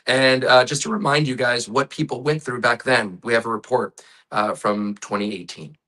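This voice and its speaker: A man with a hoarse, raspy voice hosting a live online news show, casual and friendly with his guests. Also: mid-range voice, steady tone, normal speed, bright, forceful tone.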